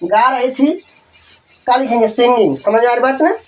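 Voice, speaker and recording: A man teaching an English grammar lesson, dictating example sentences slowly, spelling words letter by letter and checking that students follow. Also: very high voice, recorded from a distance, poor audio. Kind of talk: Hindi-medium grammar lesson.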